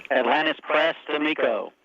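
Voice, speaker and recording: A man in mission control making crisp, clipped calls to the shuttle over crackly space-to-ground radio. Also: on the high side, moderate pace, fairly bright tone, no echo. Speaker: mission control capsule communicator. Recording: muffled radio loop, dry.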